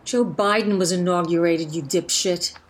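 A woman's voice: lowish voice, steady tone, moderate pace, lightly acted. A woman playing a blunt, exasperated press reporter with attitude in a satirical press conference sketch.

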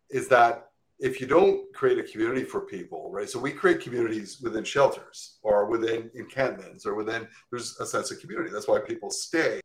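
A man hosting a podcast interview in a conversational, affirming way, often adding "right?". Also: fairly low pitch. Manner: affirming, tag questions like "right?". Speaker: podcast host.

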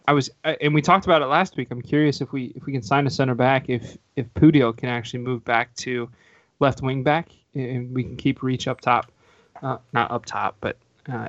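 A man's voice: medium pitch, a bit bright, no echo. Man rambling anecdotes on dull audio. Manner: rambling anecdotal storytelling with restarts. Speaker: podcast host. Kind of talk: casual football podcast chat. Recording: dull, dry lo-fi recording.

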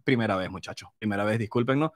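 A young man hosting a casual live chat with friends, excitable and joking. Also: on the low side, quick pace, no room sound, clean studio sound. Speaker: podcast host. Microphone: desk mic, live stream.

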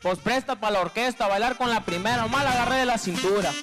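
High-voiced Mexican man doing crude stand-up. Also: quick pace, music in the background. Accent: northern Mexican. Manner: crude slangy storytelling, constant filler tag; acts out women in a higher squeal. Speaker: stand-up comedian. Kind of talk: stand-up comedy monologue.

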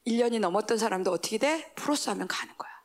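A woman preaching a sermon, asking the congregation questions and answering them herself, swinging between raised exclamations and hushed asides. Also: mid-range voice, expressive, very fast.

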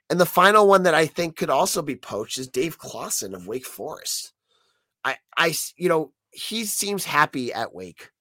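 An American man hosts a solo sports podcast in a close, dry recording. His voice is hoarse and froggy, as if under the weather, and it moves through lively rises and drops. He talks conversationally and emphatically, restarting sentences as he works through his opinions. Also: medium pitch, no room sound. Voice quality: hoarse, croaky frog voice. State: sick, hoarse voice.

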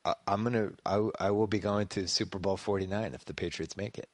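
A man's voice: fairly low pitch, steady tone, brisk, no echo, studio quality. A middle-aged man from Massachusetts, hosting a podcast with wry, joking banter. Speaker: podcast host. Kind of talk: casual chat.

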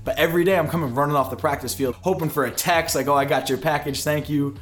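Man, podcast host, casual storytelling, rapid delivery, lots of fillers. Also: on the high side, faint music behind. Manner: animated, rambling anecdotes with many fillers.

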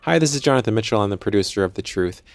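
A man, a podcast producer, giving a measured, scripted introduction. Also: lowish voice, lively intonation.

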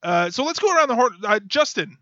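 A man's voice: very high-pitched, big pitch swings, fast, bright, forceful tone, no room sound. A man hosting a podcast, chatting casually and telling stories with a laugh. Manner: chatty storyteller, laughs often. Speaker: podcast host. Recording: dull lo-fi audio, dry.

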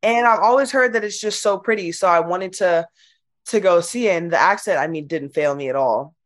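Young woman, lowish voice, giggly and chatty, college athlete being interviewed. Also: brisk. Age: young adult. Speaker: college basketball player. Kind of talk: casual interview.

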